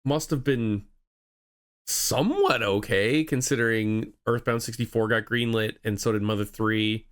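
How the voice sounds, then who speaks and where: A man's voice: on the low side, normal speed, fairly bright tone, smooth. A man co-hosting a podcast in casual gaming chat, easygoing and agreeable, giving short nods and then longer complaints. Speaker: podcast co-host.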